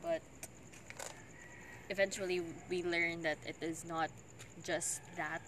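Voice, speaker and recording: A high-voiced young man chats casually. His phrasing is hesitant and tentative, and there is clear noise behind him. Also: steady tone, slow pace. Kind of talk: casual chat.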